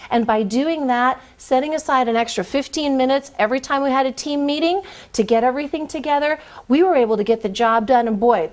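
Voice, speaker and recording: A woman recruiter giving career advice in a conversational, emphatic way, speaking directly to her listeners. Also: a little high. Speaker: corporate recruiter.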